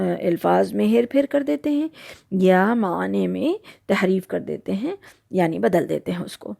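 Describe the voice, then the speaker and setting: A woman gives a religious lesson on recitation, explaining patiently and pausing often. Her voice has a gravelly edge and a mellow, warm tone, at an ordinary pitch for a woman. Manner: patient, explains step by step with many pauses. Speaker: Quran recitation teacher.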